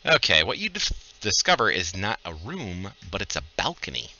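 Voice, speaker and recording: A man's voice: low voice, sing-song, moderate pace, bright, forceful tone, dull audio. A man running a tabletop game as game master, narrating and ruling on the players' actions.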